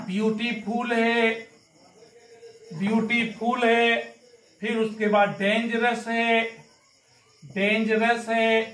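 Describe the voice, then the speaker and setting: A man teaching English grammar, going slowly through examples and often checking in with the class. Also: very high voice, fairly bright tone, roomy sound, low-quality recording. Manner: slow, repetitive, keeps checking with "है ना".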